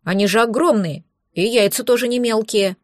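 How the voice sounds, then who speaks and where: A woman's voice: normal speed, no room sound, studio quality, natural voice. Woman voicing a grumpy baby dragon. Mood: grumbling. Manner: grumbling, touchy, squeaky when scared. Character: tiny grumpy newborn male dragon. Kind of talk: audiobook character voice.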